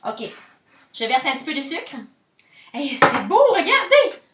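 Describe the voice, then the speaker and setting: A woman's voice: high voice, lively intonation, moderate pace, recorded from a distance. A woman with a Québécois accent hosting a playful, jokey home cooking vlog, slipping English words in and singing little chants. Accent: Québécois French. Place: home kitchen. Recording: echoey kitchen with loud mixer noise. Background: electric hand mixer whirring.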